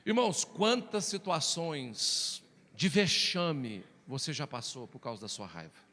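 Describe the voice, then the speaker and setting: A man preaching a sermon as a pastor, telling personal stories in a lively, animated way and calling out to the congregation as brothers. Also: fairly high pitch, measured pace, slight background noise. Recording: reverberant hall.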